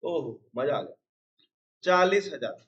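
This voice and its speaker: A man's voice: a little high, sing-song, slow, a bit bright. A man teaching a live accounts class online, repeatedly calling on students to listen, teasing and scolding them as he goes. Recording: slightly dull lo-fi sound.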